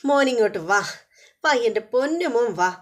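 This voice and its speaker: Shrill fed-up young wife nagging her husband, a woman doing the voice. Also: animated, normal speed, close to an everyday voice. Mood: scolding. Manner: high, sharp and exasperated scolding. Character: feisty scolding young wife.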